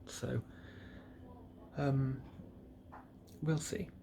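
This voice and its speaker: A man in a drowsy, relaxed state after surgery, talking casually and haltingly to himself on a vlog, subdued and trailing off between phrases. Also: medium pitch, vocal fry. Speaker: patient vlogger recording a health diary. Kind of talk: casual solo vlog, rambling reflection. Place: indoors, alone in a private hospital room. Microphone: self-recording on a device with a screen. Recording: noisy room ambience.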